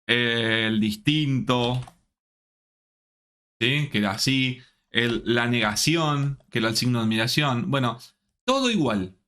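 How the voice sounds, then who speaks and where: A man with a pushed, bright, medium-pitched voice teaches a live online programming class. His pace is slow, and he checks in with the students almost constantly.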